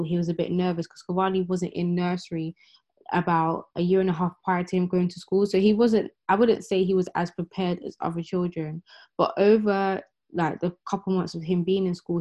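A woman's voice: fairly low pitch, level tone, brisk, warm tone. A woman, talking steadily about her child in a casual group discussion. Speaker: mother of a school child. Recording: dull lo-fi sound.

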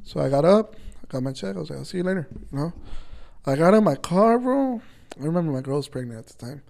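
A man's voice: fairly high pitch, animated, fast, gravelly, darkish tone. A man, a truck driver and podcast guest, telling a casual story, swearing freely and acting out what people said. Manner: swears freely and acts out quoted dialogue.

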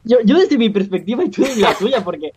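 A young man, co-hosting a casual podcast and telling an anecdote in a relaxed way. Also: high-pitched, fairly quick, a little hiss or hum. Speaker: podcast co-host. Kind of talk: casual chat. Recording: dull, dry, lo-fi sound.

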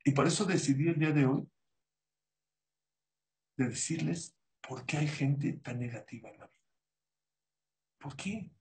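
Animated man giving a sermon. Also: fairly high pitch, unhurried, pauses often, poor audio. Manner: animated, acts out quoted voices. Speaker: rabbi.

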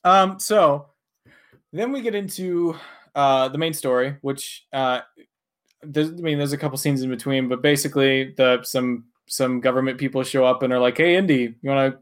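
A man's voice: mid-range voice, fairly even intonation, normal speed. A man casually discussing a film with friends, chatty and laughing often, with plenty of fillers.

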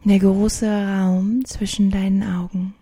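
Woman, sleep meditation narrator, very dark mellow tone, soft and breathy, hushed, soothing, even pitch, long pauses.

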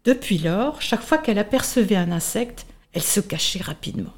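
A woman co-hosting a children's show, narrating a story in a lively, animated way. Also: medium pitch, fairly quick.

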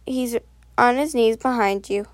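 A woman narrating a second-person audio story in a soft, unhurried read, now and then correcting herself. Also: fairly high pitch, no echo.

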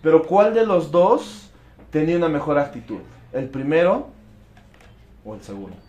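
A man giving a motivational talk about network marketing to an audience, animated and acting out quick bits of dialogue. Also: fairly high pitch, echoey room, highs cut off, slight background noise.

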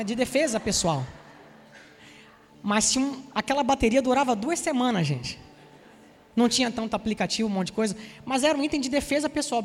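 A long reverb tail trails the very high-pitched voice of a forty-something preacher from Salvador, Bahia. Speaking with a Bahian Brazilian Portuguese accent, he tells personal anecdotes and talks straight to his congregation with lively side remarks.

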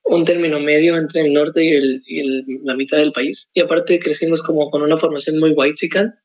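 A man's voice: fairly high pitch, steady tone, fairly quick, darkish tone. A young man from Mexico chatting on a podcast in an easygoing, joking, slangy way. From Ciudad Victoria, Mexico. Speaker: podcast co-host. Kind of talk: casual podcast chat. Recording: slightly muffled lo-fi sound.

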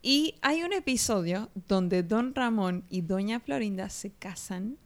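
A woman sharing trivia in a relaxed casual chat, often pausing on fillers. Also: mid-range voice. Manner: relaxed, trails off in fillers, lists facts.

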